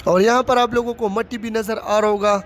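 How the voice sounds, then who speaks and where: High-voiced man touring a stadium site. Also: level tone, a little fast. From Pakistan. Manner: plain running commentary, repeats phrases. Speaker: vlogger giving a site tour. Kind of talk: casual walking tour narration. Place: outdoors in a large stadium under construction. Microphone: phone camera held by the speaker.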